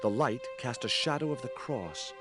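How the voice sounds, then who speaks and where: An actor with an American accent playing a wisecracking adventurer in a video game, narrating in a dry tone. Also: male voice, mid-range voice, lively intonation, moderate pace, close to an everyday voice. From United States. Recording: game audio with clear music behind.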